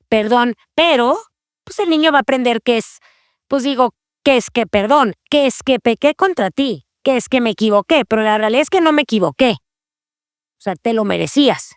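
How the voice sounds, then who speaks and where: Woman, devotional podcast talk, earnest and confessional, slightly high voice, dry close sound. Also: no room sound. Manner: earnest, confessional, repeats key phrases. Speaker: podcast host.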